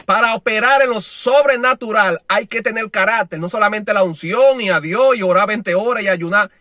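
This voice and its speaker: Impassioned high-voiced preacher man. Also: normal speed, dry recording, studio quality. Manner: impassioned, shifting from loud to soft, acting out quoted voices. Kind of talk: sermon.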